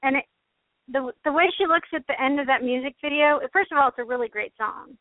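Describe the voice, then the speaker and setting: A woman's voice: sits high, quick pace, no echo. A woman in her thirties, co-hosting a casual chat, talking in a rambling way with restarts. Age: 30s. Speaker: podcast co-host. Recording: tinny phone-like line.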